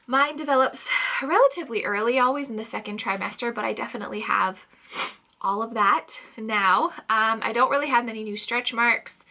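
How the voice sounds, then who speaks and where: Breathless, bright-voiced pregnant woman vlogging. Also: on the high side. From Canada. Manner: chatty, frequent "um" fillers, light laughs. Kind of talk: casual pregnancy update vlog.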